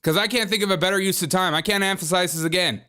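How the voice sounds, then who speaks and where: A man's voice: sits high, fast talker, clear, resonant tone. Sarcastic male political commentator. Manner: sarcastic and mocking, energetic. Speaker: host.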